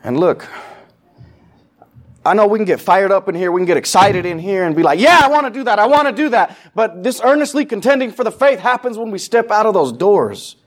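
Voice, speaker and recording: A man's voice: high voice, lively intonation, fairly quick. A man preaching a sermon in a church sanctuary, talking casually with the congregation and acting out quoted voices. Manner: conversational preaching, acts out quoted voices, asks the congregation questions. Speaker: pastor.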